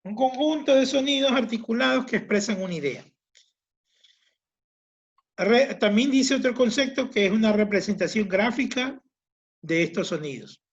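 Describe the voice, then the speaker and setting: A male teacher with a notably high voice explains grammar patiently, going over each point again with simple examples. The recording is dull and lo-fi, with the top end muffled. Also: expressive, normal speed, pauses often. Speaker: language teacher. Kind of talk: online class lecture.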